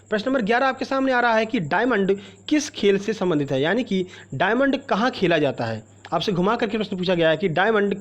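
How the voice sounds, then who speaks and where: A man teaching a general-knowledge quiz for exam preparation, reading out each question and its options, then explaining the answer to the viewer. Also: high voice. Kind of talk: exam-prep quiz lesson.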